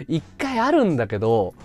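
A man live-streaming a casual chat, blunt and ranting, swinging from loud outbursts to low mutters.

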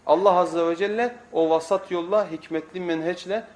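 A man's voice: high-pitched, steady tone, normal speed. A man delivering a sermon as a preacher, in an emphatic, didactic manner with rhetorical questions. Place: echoing indoor room, speaking from a pulpit. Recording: echoey room.

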